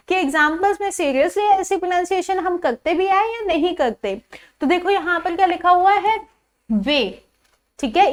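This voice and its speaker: A woman teacher giving a pronunciation lesson, quizzing her pupils and drawing out each example sound. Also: very high voice. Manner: repetitive, drawn-out example sounds and questions to pupils. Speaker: English teacher.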